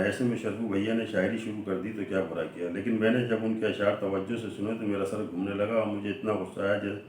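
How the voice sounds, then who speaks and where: A man reading aloud a humorous prose sketch in a measured storytelling manner, slipping into quoted dialogue as he goes. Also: fairly low pitch, darkish tone. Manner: measured storytelling delivery, voicing quoted dialogue within the narration. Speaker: reader of a humorous essay. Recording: very echoey room, voice from far off the mic.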